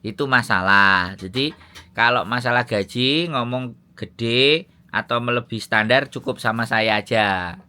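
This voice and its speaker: A man's voice: medium pitch, measured pace, bright, forceful tone, smooth. Javanese man giving fatherly advice. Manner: fatherly, lecturing, mixing in Javanese words. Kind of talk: casual phone chat.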